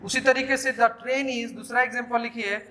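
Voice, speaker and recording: This is a man with a Bihari Hindi accent giving a grammar lesson in a classroom. His voice sits very high and sounds bright and forceful. He dictates each rule slowly and keeps quizzing the class with short questions. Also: fairly even intonation. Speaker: teacher.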